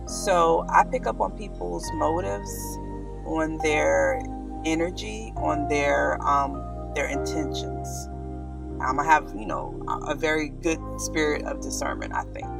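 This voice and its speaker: Gravelly Southern woman vlogging in a park. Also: sits low, far from the mic. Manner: earnest, reflective, with frequent ums. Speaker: vlogger and kindergarten teacher. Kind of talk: casual talk to camera. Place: outdoors in a public park.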